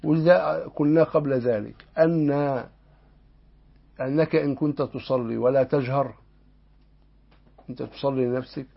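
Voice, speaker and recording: Egyptian male religion teacher, husky voice, questioning style of explaining, lo-fi recording. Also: medium pitch, fairly even intonation, moderate pace, pauses often. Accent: Egyptian Arabic. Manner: explanatory, asks the class rhetorical questions. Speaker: Islamic law teacher. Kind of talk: explaining a legal text in a lesson. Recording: dull lo-fi lesson recording.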